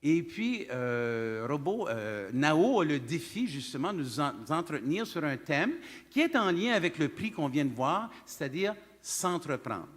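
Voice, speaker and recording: A man with a Quebec French accent hosting a live stage event informally, in halting, folksy phrases, in a reverberant hall. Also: on the high side, very animated. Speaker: event host. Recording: reverberant hall sound through PA.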